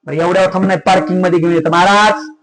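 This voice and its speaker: A man's voice: level tone, racing, a bit bright, low-quality recording. A man preaching a devotional kirtan sermon, telling stories and repeatedly questioning the crowd with rising, emphatic cries. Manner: repetitive call-and-response questioning of the audience, rising to high emphatic cries. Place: live village festival gathering.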